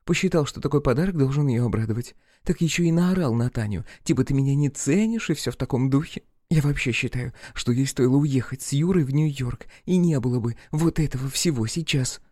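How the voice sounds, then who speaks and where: A man's voice: medium pitch, brisk, hardly any pauses, darkish tone, dry recording, clean studio sound, natural voice. A man voicing a gossipy, scornful young woman friend in an audiobook, talking in a catty, chatty, dramatic way.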